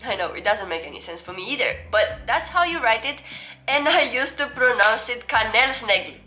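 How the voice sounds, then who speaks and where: A woman's voice: a little high, expressive, pushed and bright, soft background music. A young woman from Romania with a Romanian accent gives a casual, chatty, self-deprecating language lesson, sounding out foreign words as examples. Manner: reads out foreign words slowly as examples between explanations. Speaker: video host.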